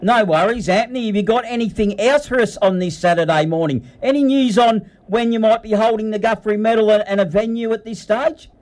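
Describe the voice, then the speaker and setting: Higher-pitched Australian male radio host. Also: fairly quick, few pauses, a little mellow. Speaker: radio sports show host. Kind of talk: casual sports interview.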